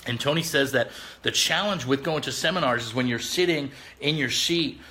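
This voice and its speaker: A man's voice: medium pitch, normal speed, bright, forceful tone. A man hosting a motivational live stream outdoors, talking straight to his viewers in an upbeat pep-talk manner and sometimes a little out of breath.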